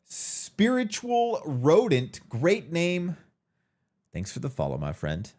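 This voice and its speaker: A man's voice: a little high, huge pitch swings, slow pace, darkish tone. A man hosting his live stream in a casual chatty way, greeting viewers by name in an upbeat tone. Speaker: streamer host.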